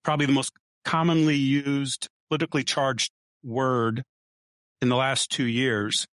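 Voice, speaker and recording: Appearing as a guest in a casual political debate, a man presses his arguments and rattles off statistics. His medium-pitched voice stays level and measured, a little bright, with no room sound.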